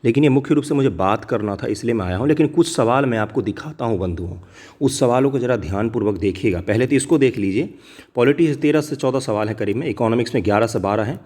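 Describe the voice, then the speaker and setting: A man talks through an exam paper with his students in an earnest, direct way. His voice is mellow and warm, at a middling pitch. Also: fast talker. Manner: earnest, direct, addresses viewers as brothers. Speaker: exam coaching teacher. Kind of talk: casual exam paper discussion.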